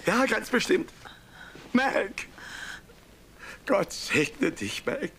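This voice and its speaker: An actor dubbing a lonely middle-aged man back from an asylum, speaking in a halting, imploring way in a 1930s film drama. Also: high voice, sing-song, vocal fry, bright, forceful tone, a little hiss or hum, full character voice. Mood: pleading.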